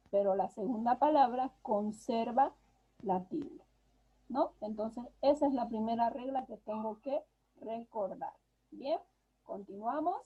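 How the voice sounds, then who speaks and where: Husky-voiced woman teacher on a dull call. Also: a little high. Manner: patient, explanatory, tags phrases with "¿no?". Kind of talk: online class lecture. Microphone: video call. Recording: dull lo-fi video call audio.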